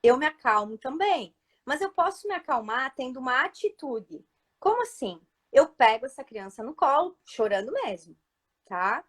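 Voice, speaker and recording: Brief: mother as guest speaker, high voice, patient and explanatory, frequent "right?" asides. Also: normal speed. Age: adult mother. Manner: calm, explanatory, often checks in with listeners. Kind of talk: live talk giving parenting advice.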